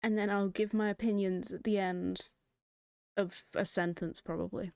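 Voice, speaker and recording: A hoarse woman hosting a gaming video, giving chatty, giggly commentary with sudden high excited jumps. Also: normal speed, no echo, studio quality. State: hoarse, has lost her voice. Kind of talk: casual gameplay commentary.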